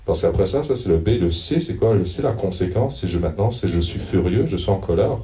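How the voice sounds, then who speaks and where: A man preaching in an informal, hesitant way, pausing to look through his notes and read passages aloud. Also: low-pitched, animated, dark tone. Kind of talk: informal church teaching. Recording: echoey room, mic at a distance.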